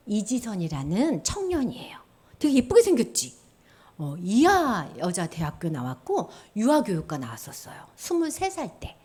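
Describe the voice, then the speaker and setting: A woman preaching to children with a high, very lively voice that swoops up and down. She tells stories vividly and acts out the voices of the people in them. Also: slightly rough. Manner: animated storytelling, acting out voices. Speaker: children's pastor. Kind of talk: children's sermon.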